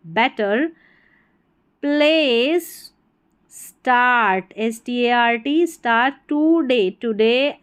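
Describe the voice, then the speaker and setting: A woman's voice: a little high, smooth. A young Indian woman teaching English reading, spelling each word letter by letter before saying it, with an Indian accent. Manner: spells words letter by letter, then says them in Hindi-accented English. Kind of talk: slow spelling-out reading lesson.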